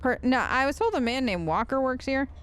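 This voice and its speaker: A woman's voice: high voice, lively intonation, a little fast, smooth. A woman hosting a gaming video, chatting casually and playfully and talking back to game characters. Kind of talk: casual gameplay commentary.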